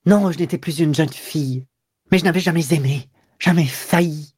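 In an audiobook, a man voices a tearful middle-aged woman pleading with her lover, his voice rising higher and louder as her desperation grows. He speaks at a moderate pace, sounding husky, imploring and wounded, with no echo.

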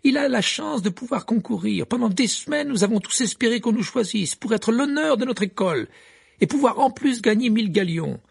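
A proud young student, as a male reader puts her on speaks high and loud. She is exasperated and shrill. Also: lively intonation, a little fast, gravelly, husky, full character voice. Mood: indignant.

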